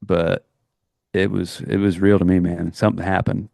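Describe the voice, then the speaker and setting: A man's voice: low voice, flat delivery, normal speed, gravelly, a little mellow, no echo, clean studio sound. A middle-aged man co-hosting a podcast, telling a personal story in a rambling, earnest way with many restarts. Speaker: podcast co-host. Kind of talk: casual chat, storytelling.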